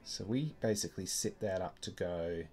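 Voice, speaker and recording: A man's voice: low-pitched, moderate pace, mellow. A middle-aged man with a broad New Zealand accent, rambling and thinking aloud as he gives casual gameplay commentary on a stream. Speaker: game streamer. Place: indoor room at a desk.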